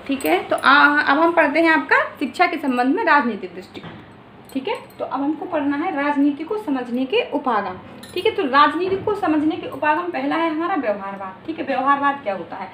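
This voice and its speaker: A woman's voice: high voice, lively intonation, a little fast, a bit bright, roomy sound, slight background noise. A woman teacher giving an exam-prep lecture, asking and answering her own questions and checking in with "okay" after nearly every point. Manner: repeats "ठीक है" often, asks and answers own questions.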